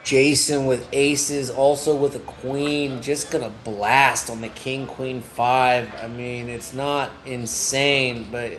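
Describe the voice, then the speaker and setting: A man's voice: mid-range voice, little pitch movement, slow pace, few pauses, a bit bright. Casual man calling a poker game. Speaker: poker commentator. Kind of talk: casual, unscripted poker commentary.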